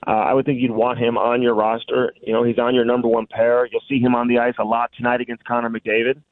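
On narrow, tinny audio with no echo, a man delivers off-the-cuff sports analysis as a reporter guesting on a radio show. His mid-range voice is monotone and fast, and his conversational talk is full of "you know" and "listen."

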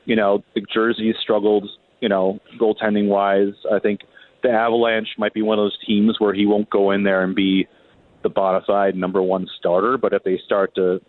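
A man with a lowish voice and flat delivery speaks at normal speed as a reporter guest on a sports show. He works through hockey analysis conversationally, hesitating and repeating words. The audio is a thin phone line with a roomy echo.

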